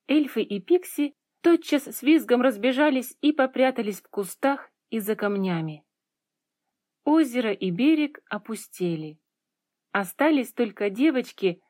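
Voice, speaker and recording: A woman with a fairly high voice reads a children's fairy tale aloud in an expressive, measured way. Faint music plays softly behind her narration. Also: no room sound. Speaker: audiobook reader. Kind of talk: scripted children's story narration.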